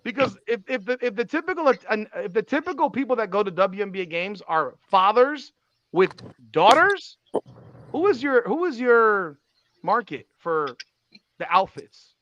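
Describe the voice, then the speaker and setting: A man's voice: high voice, sing-song, moderate pace, a bit bright. A man in his forties hosting a podcast, talking in an emphatic, repetitive way and swearing freely. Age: 40s. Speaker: podcast host. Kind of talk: casual podcast chat. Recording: dull, slightly lo-fi sound.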